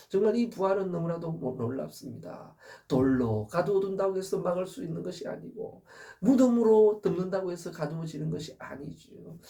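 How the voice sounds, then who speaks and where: A man's voice: a little high, creaky, warm tone, distant mic. A man preaching an Easter sermon as pastor, earnest and full of rhetorical questions.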